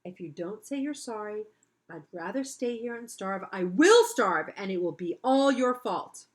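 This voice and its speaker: A woman puts on a proud, stubborn spider for a storybook reading. She talks slowly, in a low, deliberate way. The voice sits in a middle range. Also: expressive, darkish tone, lightly acted. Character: proud stubborn female spider, sly and bargaining. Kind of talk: read-aloud storybook voice.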